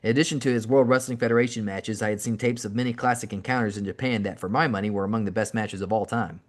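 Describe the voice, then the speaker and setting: A man, the host, reading a memoir aloud as an audiobook, narrating in an animated first-person storytelling style. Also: fairly low pitch, fast.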